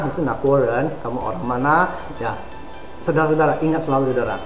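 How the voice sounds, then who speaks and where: A man who works as a study-abroad consultant gives advice to viewers and keeps addressing them directly as he talks. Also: medium pitch. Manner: addresses listeners repeatedly as "saudara". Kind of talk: instructional talk to viewers. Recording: roomy echo with loud music behind. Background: music.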